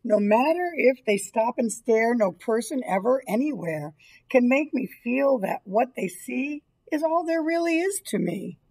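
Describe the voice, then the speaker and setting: Higher-pitched, slightly husky woman reading a storybook. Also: expressive, unhurried, a little mellow, low-quality recording. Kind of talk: children's storybook read-aloud. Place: small indoor school room or library.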